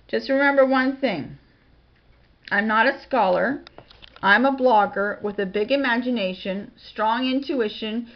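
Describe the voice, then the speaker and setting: A woman blogger talking quietly in a casual home vlog, reading out lists of titles and dates from her home office. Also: medium pitch. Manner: soft-spoken, quiet delivery. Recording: dull lo-fi home recording.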